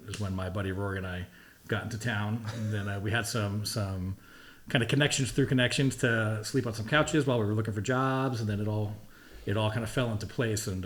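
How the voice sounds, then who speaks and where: A man in his forties telling stories in a relaxed, rambling way, often repeating "yeah, yeah". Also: on the low side. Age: 40s. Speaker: podcast guest. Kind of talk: casual storytelling chat.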